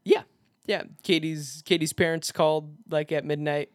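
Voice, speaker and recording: A man's voice: a little high, fairly even intonation, normal speed, no echo, studio quality. A man co-hosting a casual chat, telling a story with lots of laughs and fillers.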